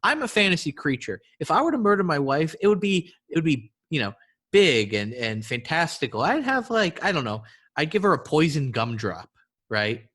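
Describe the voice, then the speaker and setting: A man's voice: on the high side, very animated, normal speed, fairly bright tone, slightly rough, full character voice. A man doing a smug creature defendant. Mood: pleading. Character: smug fantasy creature defendant, male, arguing his innocence.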